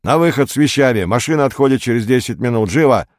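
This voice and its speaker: A rude, brusque man, as an audiobook reader puts him on, barking loud orders in a raised, high-pushed voice. The storybook reading stays dry and close. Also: wildly swooping pitch, moderate pace, husky, no echo, heavily acted. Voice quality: booming, barking.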